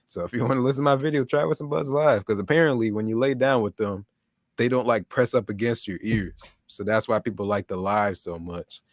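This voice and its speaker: A man's voice: on the low side, fairly quick, no room sound, studio quality. Laid-back young man hosting a tech stream. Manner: laid-back, rambling with restarts. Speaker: livestream host. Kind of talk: casual chat.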